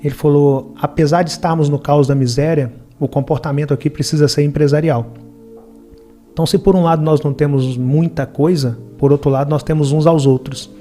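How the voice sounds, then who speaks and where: A middle-aged man from Minas Gerais, Brazil, with the region's Brazilian Portuguese accent, tells his life story in an interview, earnest and reflective. His voice is slightly raised and mellow, steady in tone and brisk, with faint music playing softly underneath.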